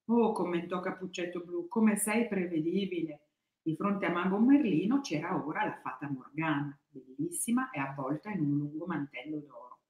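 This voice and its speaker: A woman author reading her children's book aloud in a bookshop with lively, expressive storytelling. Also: deep voice, normal speed, hardly any pauses, lo-fi sound. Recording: echoey room.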